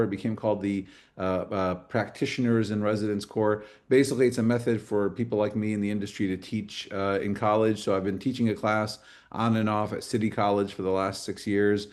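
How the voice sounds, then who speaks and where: A man's voice: lowish voice, darkish tone. A middle-aged man from Michigan giving a casual talk in a college classroom, with many "uh"s and restarts. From Michigan, USA. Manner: hesitant, many fillers and restarts. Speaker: guest speaker, engineering director. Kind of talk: fireside chat talk.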